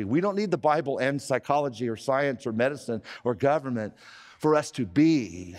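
A man's voice: medium pitch, a little mellow. A man in his fifties preaching a sermon from a church stage, earnest and emphatic, gesturing as he speaks. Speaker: pastor. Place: church stage with painted backdrop.

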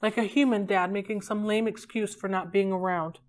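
A woman hosting a library read-along, reading a novel aloud in a steady, unhurried way. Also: mid-range voice.

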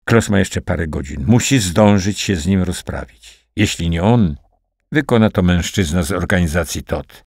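Guy reading an audiobook, deep and raspy, steady dramatic delivery. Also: moderate pace, dry recording, studio quality. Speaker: audiobook narrator. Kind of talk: scripted narration.

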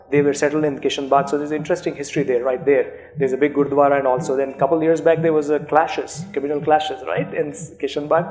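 Interviewed in a seminar room, a middle-aged Indian-accented author whose native language is Urdu speaks into a handheld microphone. His voice is a little high and a little mellow, and he reflects carefully in this academic conversation, often using fillers and starting over.

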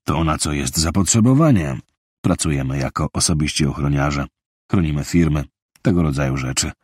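In a dry, close audiobook read, a male narrator voices a wealthy ex-soldier under strain. His low, slightly husky voice gives short, clipped answers with controlled tension. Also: expressive, normal speed, no echo, exaggerated voice. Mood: terse. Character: Lane, tense wealthy former soldier. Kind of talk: audiobook character reading.

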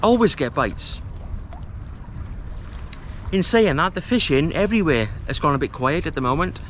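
A fairly high-voiced man in his thirties talks to a camera mic while fishing on a rocky estuary shore. His talk is relaxed, chatty and self-deprecating. A faint hiss of outdoor noise sits under his voice. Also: moderate pace. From Wales. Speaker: fishing vlogger. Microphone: camera mic, close framing.

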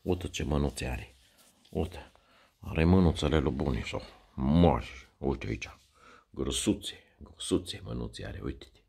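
An older Romanian-speaking grandfather coos baby talk to his infant grandchild in a sing-song way, often dropping into a soft whisper. His bass voice is a little slow, with vocal fry and a breathy edge.

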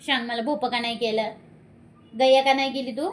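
A woman's voice: on the high side, fairly even intonation, normal speed, slight background noise. A woman talking to her pet cat in cooing baby talk, asking it over and over in a sing-song, coaxing way what is wrong. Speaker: cat owner.

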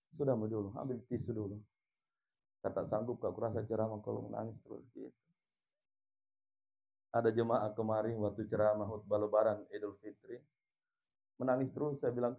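A man's voice: on the low side, warm tone. A male preacher, giving an emotional funeral gathering sermon mixed with humorous stories. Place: religious gathering with congregation. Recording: dull lo-fi sound.

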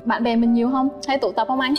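Polite young woman, rather high. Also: little pitch movement, fast talker, highs cut off. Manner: polite, sweet, asks many questions. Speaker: dating show contestant. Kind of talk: casual chat on a first date. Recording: studio sound with reverb and loud music.

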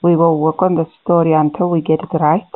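A woman's voice: low voice, level tone, a little fast, dry recording. A woman with a Namibian accent, speaking conversationally as a radio interviewer. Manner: switches between Afrikaans and English. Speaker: interviewer, journalist. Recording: tinny, narrow phone-like line.

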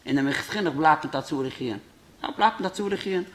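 A man's voice: a little high, fast talker. A man, a rabbi, giving a Torah lecture, reasoning aloud by posing questions and answering them.

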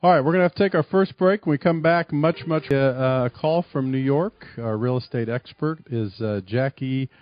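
A man's voice: mid-range voice, moderate pace, hardly any pauses, no room sound, highs cut off. A man hosting a radio talk show, asking casual questions with plenty of fillers.

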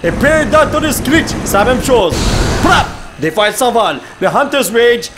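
Excitable high-pitched gamer man. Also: normal speed, music in the background. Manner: excitable, exclamations and shouts mixed with English slang. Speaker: gaming YouTuber. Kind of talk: live gameplay commentary.

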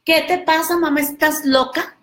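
A woman's voice: sits high, fairly even intonation, moderate pace, fairly bright tone, voice pushed up. Woman putting on a whiny stubborn little daughter. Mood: demanding. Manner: petulant, complaining. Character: whiny stubborn young daughter glued to computer.

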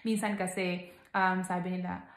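A woman's voice: lowish voice, flat delivery, moderate pace, roomy sound. A young Filipino woman from the Philippines with a Filipino accent, giving casual vlog advice, chatty with frequent laughs and fillers. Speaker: vlogger. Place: home in Texas.

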